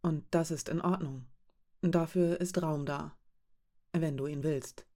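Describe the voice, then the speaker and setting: A woman reading an audiobook, voicing a companion who speaks softly and reassuringly. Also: deep voice, fairly even intonation, takes it slowly. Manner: soft, gentle, reassuring. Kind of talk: audiobook character voice.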